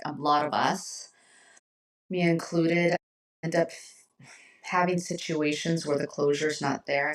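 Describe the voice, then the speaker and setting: Woman co-host, lower voice, supportive, distant mic. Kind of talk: casual chat.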